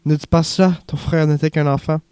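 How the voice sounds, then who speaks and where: A man reading an audiobook, narrating and giving the older listener's lines in a calm, measured way. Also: on the high side, smooth, dry recording. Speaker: audiobook reader.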